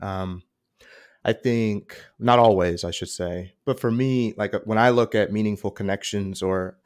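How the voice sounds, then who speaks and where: A man's voice: fairly low pitch, steady tone, unhurried. A man speaking as a podcast guest, thinking aloud and hedging with ums as he goes. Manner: thoughtful, hedging, with many ums. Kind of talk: casual interview chat.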